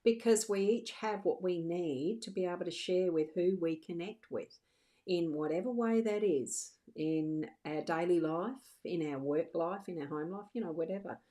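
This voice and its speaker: Casting note: woman, middle-aged, psychic medium on a livestream; chatty, reassuring, slightly low register. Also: moderate pace, mellow. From Australia. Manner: chatty and reassuring, with frequent restarts. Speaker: psychic medium doing live card readings. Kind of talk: casual livestream chat.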